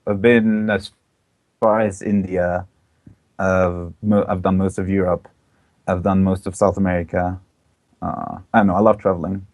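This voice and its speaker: A young Belgian man appears as a guest in a casual interview, speaking eagerly with lots of "uh"s and "like"s over an online call mic. His deep voice stays level and slightly mellow at a moderate pace, broken by long pauses, and the recording is dry.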